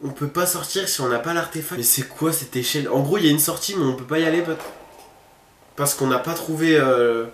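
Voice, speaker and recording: A gamer hosts a horror game video, chatting casually with his viewers and thinking out loud as he plays. His voice is slightly high and his pace fairly brisk. The recording has a roomy echo and a little background noise.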